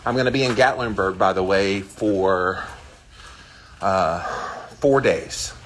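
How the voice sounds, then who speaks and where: A man vlogging live in a casual, upbeat way, talking to his viewers in halting short phrases. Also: low-pitched, a bit bright. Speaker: vlogger livestreaming a daily ice bath challenge. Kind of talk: casual chat to livestream viewers. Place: villa on vacation, in and around bathroom. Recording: background noise, sometimes echoey small room.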